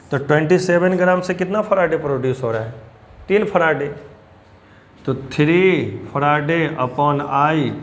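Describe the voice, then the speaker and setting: A man's voice: a little high, slight background noise. Man teaching chemistry at a blackboard. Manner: explains step by step, mixes English terms into Hindi; addresses students as children. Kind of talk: blackboard lecture.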